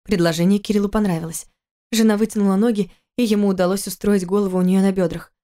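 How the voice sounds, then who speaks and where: A woman's voice: mid-range voice, fairly even intonation, quick pace, warm tone. Woman narrating a novel steadily. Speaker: audiobook narrator. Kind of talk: scripted narration.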